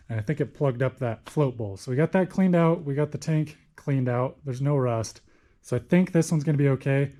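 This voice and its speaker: A young man chatting casually as he walks through his barn and shop showing off old tractors, folksy and quick to correct himself. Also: a little high, dark tone, low-quality recording. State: out of breath. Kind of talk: casual walkthrough talk.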